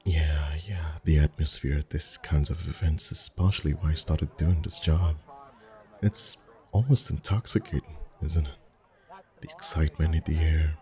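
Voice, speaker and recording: Playing a festival face painter, a male voice actor speaks in a very deep, mellow voice for an intimate ASMR roleplay. The character is friendly, soft-spoken and talkative, comforting his customer while gently flirting and teasing.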